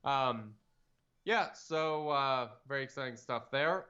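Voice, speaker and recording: A man's voice: mid-range voice, slow pace, sharp tone, clear, resonant tone, muffled recording. A man co-hosting a podcast, chatting casually and rambling through lots of fillers. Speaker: podcast co-host. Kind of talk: casual chat.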